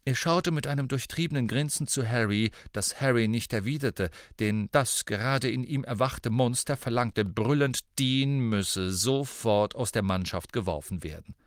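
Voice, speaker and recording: A man reading an audiobook with expressive, dramatic narration. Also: mid-range voice, moderate pace, hardly any pauses, dry recording, clean studio sound. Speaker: audiobook reader.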